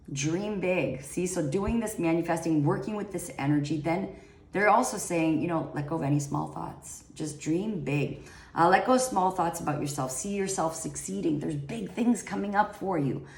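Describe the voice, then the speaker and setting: A low-pitched woman talks viewers through a tarot reading, rambling and filling pauses with plenty of "uh"s and restarts. Her voice bounces around an echoey room. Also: vocal fry. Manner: rambling, filler-heavy, talks straight to viewers. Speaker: tarot reader.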